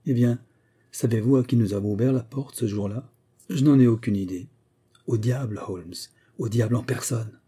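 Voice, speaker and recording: A man voicing a distressed young gentleman in an audiobook, speaking urgently and a little higher. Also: moderate pace, slightly rough, close to an everyday voice. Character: anxious young gentleman, distressed student friend.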